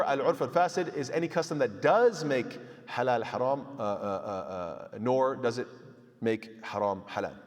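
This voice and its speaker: This mid-range male voice fills a large hall, a mosque hall, where he leads an informal class on Islamic law. Chatty and full of joking asides, he uses Arabic terminology and plays out small dialogues between people.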